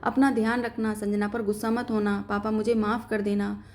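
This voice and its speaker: A woman's voice: medium pitch, flat delivery, normal speed, a little mellow, lightly acted. A woman voicing a weak, faltering dying young husband in a story reading.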